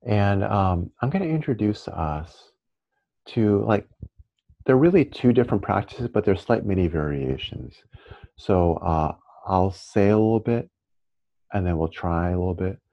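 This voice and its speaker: A man guiding a meditation practice as a teacher, speaking informally with frequent pauses. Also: deep voice, lively intonation, creaky. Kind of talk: guided meditation instruction. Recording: muffled, band-limited audio.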